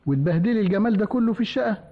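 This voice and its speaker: An actor in an old Egyptian radio drama playing a flattering, lecherous shop owner, with an Egyptian accent. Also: male voice, high voice, very fast. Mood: smarmy. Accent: Egyptian Arabic. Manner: oily flattering talk. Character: lecherous shop owner, smarmy then contemptuous. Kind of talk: 1950s radio drama acting. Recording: dull old radio recording.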